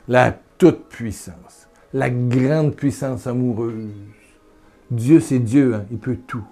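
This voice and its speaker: A man preaching and praying aloud, fervent and repetitive, with breathy exclamations. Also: mid-range voice, mellow. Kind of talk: prayerful preaching.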